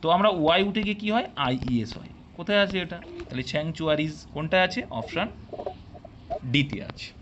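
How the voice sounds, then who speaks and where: A man's voice: fairly high pitch, expressive, fairly quick, background noise. Man quizzing a class, muffled recording. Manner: quizzing students, explaining step by step; scolds students for answering early. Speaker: English teacher for exam coaching. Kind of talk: live classroom lesson. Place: classroom with students.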